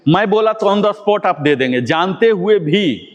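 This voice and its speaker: A male yoga instructor guides a group exercise class, calling out step-by-step instructions and asking his students rhetorical questions. His voice is high and animated but a little slow, captured in dull audio with a long reverb.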